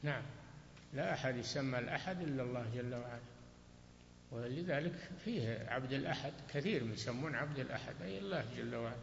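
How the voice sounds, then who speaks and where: A man's voice: medium pitch, fast talker, creaky, a little hiss or hum. A man answering religious questions in a lecture, giving brief and firm rulings. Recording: dull echoey hall recording.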